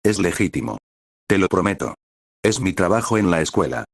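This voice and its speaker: A man's voice: deep voice, expressive, moderate pace, no echo, clean studio sound. A man reading as an earnest teen boy hero. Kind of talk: scripted fanfic reading.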